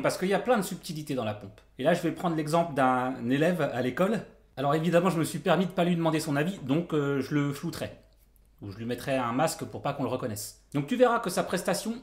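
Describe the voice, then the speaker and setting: A man's voice: a little high, roomy sound. A man giving a casual guitar tutorial to camera, joking and self-deprecating, his mouth numb from dental anaesthetic. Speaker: jazz guitar coach and video teacher.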